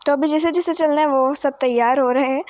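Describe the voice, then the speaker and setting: Young woman rambling through a family vlog, high bright-ish voice, chatty and loose, outdoors in the village. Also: fairly even intonation, a little fast, very noisy. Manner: chatty, rambling storytelling with English words mixed in. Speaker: vlogger. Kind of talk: casual family vlog narration.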